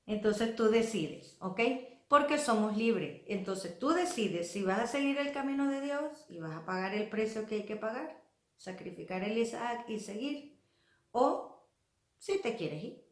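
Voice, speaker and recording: A woman's voice: on the high side, lively intonation, measured pace, roomy sound. A woman preaching a sermon in a church, earnest and pleading, acting out the voices she quotes. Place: church hall.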